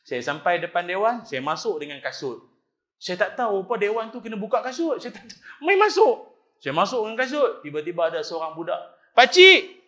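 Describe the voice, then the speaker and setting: A middle-aged man with a northern Malaysian Kedah accent, giving an animated, jokey mosque lecture and acting out the voices in his stories. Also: sits high, fairly quick, reverberant. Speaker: preacher. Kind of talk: lively mosque lecture with storytelling.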